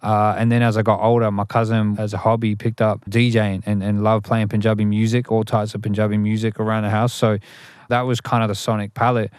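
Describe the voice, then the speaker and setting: This young Australian rapper, a guest in an interview, reflects on his upbringing in a lowish, flat, fairly quick voice with a darkish tone. He's thoughtful, restarts often and says "you know" a lot. The sound is clean studio quality with no echo.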